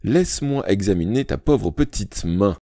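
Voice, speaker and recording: A man's voice: sits low, big pitch swings, brisk, mellow, dry recording, studio quality. A man voicing a bossy, chatty older female school matron who rolls her Rs. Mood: fussing chatty.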